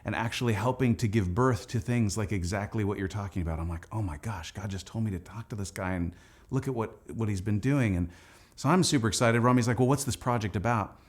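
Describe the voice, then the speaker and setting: This man's voice sits lowish and sounds a little mellow. He tells the story of making his record with casual enthusiasm, much like a musician's video diary, leaning heavily on "like" and "dude." He is an Anglican priest as well.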